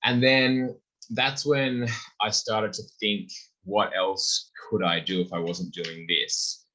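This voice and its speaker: Man, deep voice, forceful tone, lively storyteller, podcast guest. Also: takes it slowly, low-quality recording. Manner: animated, acts out quoted dialogue. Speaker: podcast guest, beverage company founder. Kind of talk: casual conversational interview.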